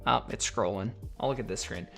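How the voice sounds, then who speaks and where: An American card collector streamer chats casually on a live stream, reading viewer donations and comments aloud. His lowish voice is creaky and a bit bright, moving fairly quickly, with faint music playing behind him.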